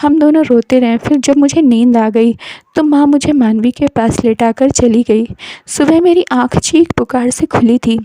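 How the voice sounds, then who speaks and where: Mellow high-voiced woman storyteller. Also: normal speed, dry recording. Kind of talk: scripted story narration.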